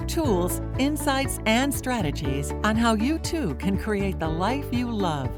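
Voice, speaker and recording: Slow, lively woman announcer over music. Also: fairly high pitch. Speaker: podcast announcer. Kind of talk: scripted intro voice-over.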